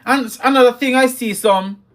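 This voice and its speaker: A man's voice: very high-pitched, fairly quick. A man hosting a live talk on parenting, emphatic and scolding, repeating his key lines and reading viewer comments. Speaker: livestream host.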